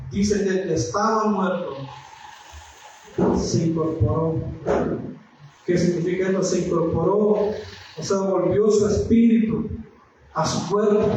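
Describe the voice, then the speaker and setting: A male pastor preaching a sermon, often calling his listeners brothers and pausing to search for words. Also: high voice, noisy background. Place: church hall. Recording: very echoey room from far off.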